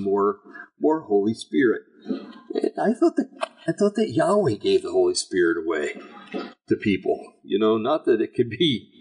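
A man hosts an informal online religious talk in a gravelly, husky voice that sits on the low side. His delivery is folksy and halting, rambling along as he addresses his listeners. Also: a little mellow, poor audio. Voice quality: raspy, gravelly voice. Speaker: online show host. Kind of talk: informal religious commentary to a live audience.

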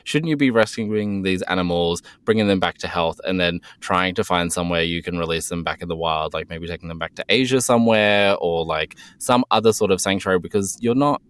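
A man with a very low voice, chatting on a podcast in an indignant, talkative way and leaning on 'like'. The recording is dry and close. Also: fairly quick, few pauses, fairly bright tone, clear, resonant tone, no room sound. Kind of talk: casual chat.

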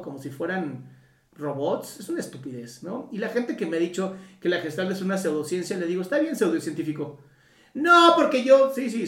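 A man with a Mexican Spanish accent, a psychotherapist giving a casual talk in everyday slang, swearing freely and tossing in tag questions. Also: high-pitched. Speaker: Gestalt psychotherapist. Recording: roomy echo, mic at a distance.

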